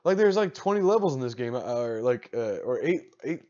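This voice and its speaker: A middle-aged man co-hosting a casual podcast chat, blunt and animated, swearing casually. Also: medium pitch, brisk, muffled recording. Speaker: podcast co-host.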